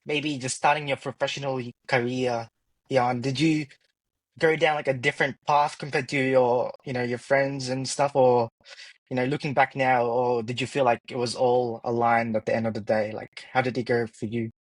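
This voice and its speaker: A man's voice: mid-range voice, little pitch movement, normal speed, dry recording, poor audio. A man hosting an interview, casual and friendly, asking long rambling questions. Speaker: host.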